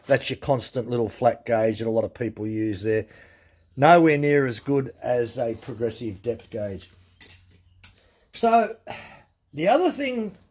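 Man, husky, plain-spoken, step-by-step workshop teacher, off-camera mic. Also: mid-range voice, a little mellow. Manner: plain-spoken, repeats key points, explains step by step. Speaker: chainsaw sharpening instructor. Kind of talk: casual how-to demonstration. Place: workshop with grinders and tool wall.

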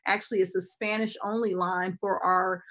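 A woman, a school district administrator answering questions in a virtual town hall over a video call, measured, with frequent ums. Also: mid-range voice, flat delivery, fairly bright tone. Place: home office with bookshelves.

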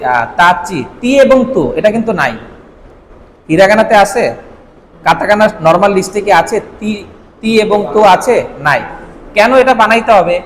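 Man, language teacher, high voice, long room echo, faint hiss, question-and-repeat drill. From Bangladesh. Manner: asks questions and repeats words slowly for learners. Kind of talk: vocabulary drill lesson.

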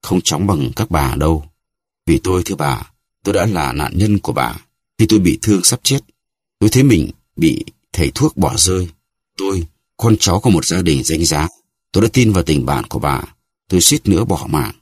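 Boastful proud musketeer, haughty and huffy, guy reading him, deep husky voice. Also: animated, a little fast, darkish tone, dry recording, studio quality. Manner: haughty, mock-offended. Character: vain, boastful musketeer, proud grown man.

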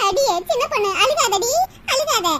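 For a cartoon, a woman voices a chatty older village mother who lectures and scolds her daughter at length while music plays behind. Her very high voice is animated, bright and forceful, at normal speed and heavily acted.

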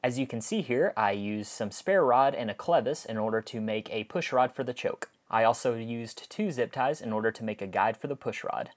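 A man's voice: mid-range voice, normal speed, hardly any pauses. Methodical man narrating a build tutorial. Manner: methodical, step-by-step, repeats "again". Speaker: model aircraft build instructor. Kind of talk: instructional voice-over narration.

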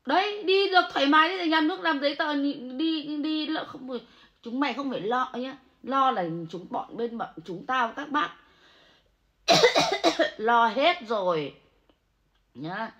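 A woman ranting angrily and scolding, swinging between low muttering and loud outbursts. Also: expressive, unhurried, long pauses. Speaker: angry supporter ranting online. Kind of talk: angry livestream rant. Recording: muffled lo-fi audio.

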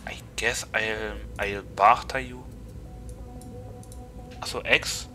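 Bright-voiced flustered German gaming streamer. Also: male voice, lowish voice, fairly even intonation, extremely slow, faint music behind. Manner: playful, easily flustered, laughs a lot. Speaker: VTuber streamer. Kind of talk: casual gaming stream chat.

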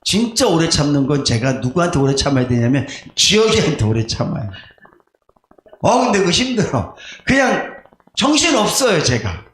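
A male pastor preaching a conversational, storytelling sermon, animated and confessional, making jokes at his own expense. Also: fairly high pitch, moderate pace. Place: church sanctuary. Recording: echoey church room with faint background noise.

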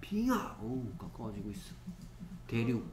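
A male English teacher talks through a lesson in a classroom, and his voice sits at a middle pitch. He reads English sentences slowly and keeps checking whether the students follow. The room echoes, with a faint hum of noise behind him. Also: sing-song, a little mellow. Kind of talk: classroom lecture.

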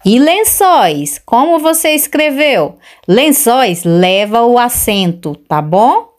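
Brazilian woman teacher, high and animated, slow deliberate dictation. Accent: Brazilian Portuguese. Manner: slow, clear dictation with drawn-out words; chatty and questioning with the viewer. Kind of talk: dictation and grammar lesson.

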